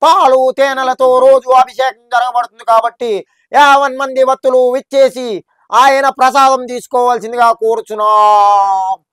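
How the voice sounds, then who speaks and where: A man imitating a small-town street announcer calling out public notices in a loud, drawn-out ceremonial voice. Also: very high voice, fairly even intonation, no room sound, voice pushed up. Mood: booming. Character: loud older male town announcer making public appeals.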